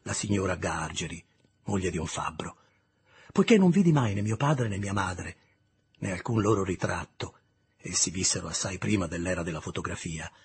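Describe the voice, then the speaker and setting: A man narrating an audiobook in a measured, deliberate reading style, with a husky voice. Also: low-pitched, lively intonation. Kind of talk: scripted literary narration.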